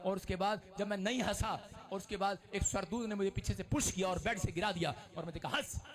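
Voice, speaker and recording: High-pitched, fervent male preacher. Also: fast, a crowd in the background. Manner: emotional, often shouting and climbing in pitch. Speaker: pastor. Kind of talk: sermon.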